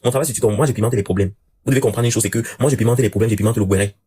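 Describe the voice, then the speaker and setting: A man hosting a casual live stream, talking to his viewers in an animated rant with lots of repetition. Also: lowish voice, slight background noise. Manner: rapid, animated ranting with repeated phrases.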